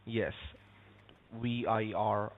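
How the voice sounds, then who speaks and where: A man's voice: fairly low pitch, fairly even intonation, extremely slow. A polite man working as a phone support agent, pronouncing v like w and often saying sir. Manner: says v like w; polite, repeatedly addressing the caller as sir. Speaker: phone scammer posing as tech support agent. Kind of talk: scripted phone support talk turning to chat. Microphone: phone call. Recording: tinny narrow phone line.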